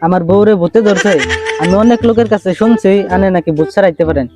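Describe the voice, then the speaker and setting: Man acting a fast, gullible rural Bangladeshi husband. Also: high-pitched, close to an everyday voice. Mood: pleading. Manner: pleading, deferential. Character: gullible, respectful worried village husband. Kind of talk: broad comedy skit acting. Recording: loud music over the voice.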